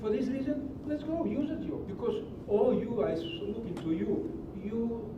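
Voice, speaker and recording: This animated middle-aged man from Greece talks at normal speed in broken English, making a passionate, preachy comment at a county meeting. The lo-fi audio is captured from a distance in a large, echoing meeting hall with a low rumble.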